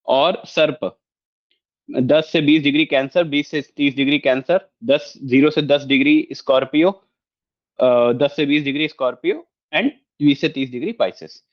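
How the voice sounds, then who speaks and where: Male astrology tutor, explanatory, keeps checking in with viewers, slightly higher voice, muffled audio. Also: measured pace. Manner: explanatory, mixes Hindi with English, frequent check-ins. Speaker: astrology teacher. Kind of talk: online lesson with screen share.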